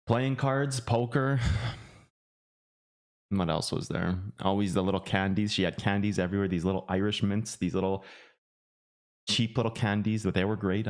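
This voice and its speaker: A man's voice: sits low, moderate pace, long pauses. A man who hosts a finance channel, talking in a loose, rambling way with many restarts and fillers. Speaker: finance YouTuber. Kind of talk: casual livestream chat.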